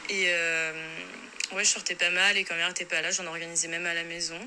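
A young woman in her twenties reminisces about her school years in a relaxed, slangy way. Her voice is strikingly bright and sharp, with faint background noise behind her. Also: fairly low pitch, fast talker. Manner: slangy, relaxed, full of fillers. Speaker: friend recalling school days. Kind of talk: casual recollection.

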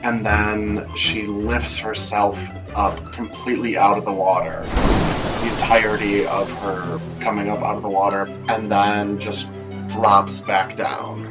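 A man's voice: lowish voice, level tone, a little slow. A man acting as game master, improvising vivid, descriptive narration of a tabletop fantasy game and addressing the players directly. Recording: prominent music bed, somewhat distant mic. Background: music.

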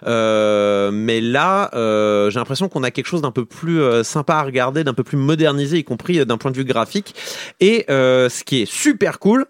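A man's voice: medium pitch, lively intonation, normal speed, no room sound, studio quality. A man co-hosting a podcast in casual chat, enthusiastic and rambling with many fillers. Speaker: podcast co-host.

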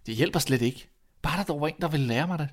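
A man's voice: on the high side, voice pushed up, lightly acted. A man voicing a fearless, cocky young lad in a storybook reading, answering boldly and cheekily. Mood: cheerful. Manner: bright, bold, cheeky replies.

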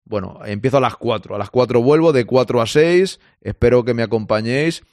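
A man's voice: medium pitch, brisk, darkish tone, no echo, clean studio sound. A man with a Spain Spanish accent hosting a live sports stream, chatting casually and joking as he reads out listener comments. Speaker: sports podcast host.

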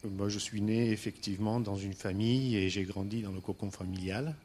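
A man's voice: lowish voice, fairly even intonation, a little mellow. Hesitant man telling his life story. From Istanbul, Turkey. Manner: hesitant, many pauses and "euh" fillers. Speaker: guest speaker. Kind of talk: storytelling talk on stage.

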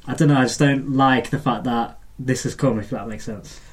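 A man's voice: mid-range voice, steady tone. A man on a football fan podcast panel, talking casually and rambling, stumbling over his words. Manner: quick, rambling, repeats words.

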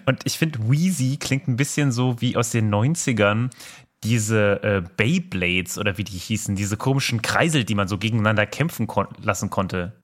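Halting man musing in casual chat. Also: lowish voice, a bit bright. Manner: hesitant, restarts with many fillers. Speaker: podcast co-host.

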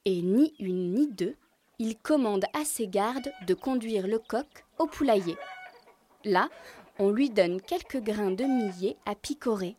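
A woman telling a children's tale in a lively, expressive way. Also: medium pitch, unhurried. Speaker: storyteller. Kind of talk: scripted narration for children. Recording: narration over music.

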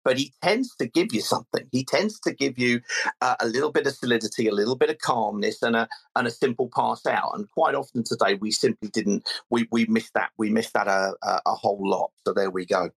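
A man's voice: mid-range voice, fairly quick, vocal fry, husky, rough recording. A man with a southern English, Surrey accent hosting a casual live football fan phone-in, often repeating words as he gathers his thoughts. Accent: Mid-Surrey, southern English. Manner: hesitant, repeats words mid-sentence. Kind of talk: casual live sports discussion.

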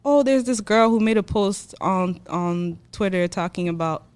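A woman's voice: mid-range voice, normal speed, darkish tone, clean tone. A woman in her twenties, from Switzerland, talking bluntly and outspokenly as a podcast guest, with lots of "like". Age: 20s. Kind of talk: casual chat.

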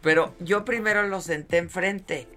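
A Mexican woman co-hosting a show, chatting casually in animated, slangy banter. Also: lowish voice, a little slow, soft background music. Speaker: co-host. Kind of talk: casual chat.

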